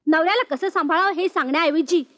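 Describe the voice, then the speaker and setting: Film role: a loyal young wife, pleading, high voice. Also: female voice, fast, a bit bright. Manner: pleading, reproachful. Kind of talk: film acting.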